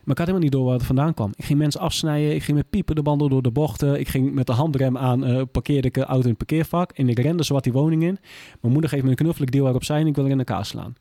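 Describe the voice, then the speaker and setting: A man's voice: mid-range voice, steady tone, very fast, few pauses, dark tone, no echo, clean studio sound. A man in a candid interview who speaks bluntly and plainly and often swears. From Groningen. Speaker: guest, former police officer.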